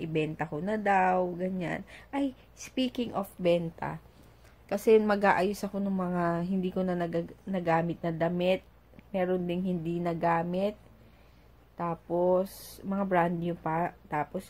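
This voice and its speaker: Warm-voiced woman vlogging at home. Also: lowish voice. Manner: chatty, giggly storytelling. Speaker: vlogger and mother. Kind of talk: casual chatty home vlog. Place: at home doing chores.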